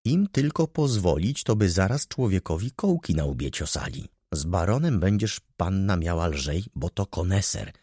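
A man's voice: sits low, sing-song, moderate pace, hardly any pauses, dark tone, husky, no echo, studio quality, exaggerated voice. A man voicing a pompous, self-important male valet who talks down to his masters and the maid. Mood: haughty. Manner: haughty, condescending, commanding.

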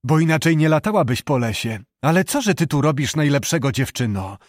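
A man's voice: fairly high pitch, lively intonation, fairly quick, dry recording, studio quality, lightly acted. A man reading an audiobook, voicing a hearty, joking middle-aged knight who is a doting father. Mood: jovial.

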